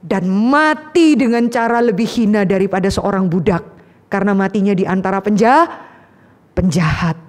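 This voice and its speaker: A woman preacher giving a sermon, telling the story in a lively way with casual slang and acting out the voices of the people in it. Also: medium pitch, big-room sound.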